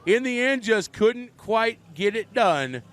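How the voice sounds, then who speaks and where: A man giving excited live motorsport commentary as a track announcer, calling the action in bursts and raising to a shout at big moments. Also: high-pitched, slow pace.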